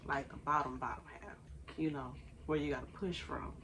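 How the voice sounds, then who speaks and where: A chatty young woman tells her story in a relaxed, lower-pitched voice, tossing in "y'all" along the way. A faint hum of room noise sits under her voice. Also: normal speed. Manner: chatty, uses "y'all" and "dog", breaks off to tend her baby. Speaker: vlogger. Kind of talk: casual storytelling.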